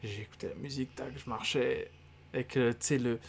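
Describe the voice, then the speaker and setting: A man's voice: mid-range voice, fairly quick, creaky, slightly rough. Slangy young Frenchman telling a story. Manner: slangy, animated storytelling with quoted voices. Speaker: podcast co-host. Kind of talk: casual storytelling chat.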